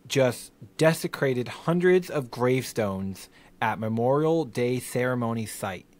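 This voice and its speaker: A man's voice: mid-range voice, expressive, measured pace, darkish tone. A man in his twenties co-hosting a casual podcast, introducing a news story with laid-back, laughing asides. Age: 20s. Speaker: podcast co-host.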